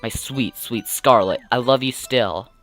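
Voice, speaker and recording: A man voicing an old, grieving sailor who is a living bomb, speaking slowly, low and solemn. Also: fairly bright tone, faint music behind, close to an everyday voice. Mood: mournful.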